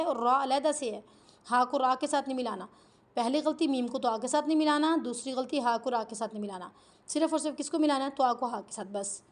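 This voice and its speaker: A woman teaching a tajweed lesson, reciting verses slowly and explaining pronunciation mistakes quickly. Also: high-pitched. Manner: slow drawn-out recitation alternating with quick corrective explanation.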